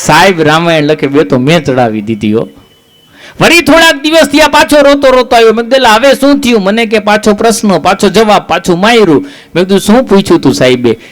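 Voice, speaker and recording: Male stand-up comic, high voice, storytelling jokes on a live stage. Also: very animated, a little fast, a faint crowd. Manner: storytelling jokes with quoted dialogue. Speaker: stand-up comedian.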